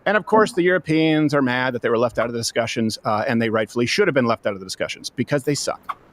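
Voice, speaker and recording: A man's voice: medium pitch, expressive, quick pace, a little hiss or hum. A man hosting a casual political talk show, sarcastic and mocking, laughing at his own jabs. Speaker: host.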